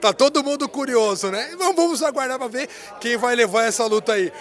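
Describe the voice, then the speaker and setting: Holding a handheld mic at an indoor music fair, a host in his thirties interviews a guest casually, full of hype, slang and jokes. He speaks fairly quickly in a very high-pitched voice with a fairly bright tone.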